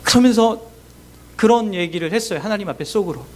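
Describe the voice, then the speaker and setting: A man's voice: high-pitched, brisk. A middle-aged man preaching a sermon as pastor, earnest and emotional, acting out quoted voices.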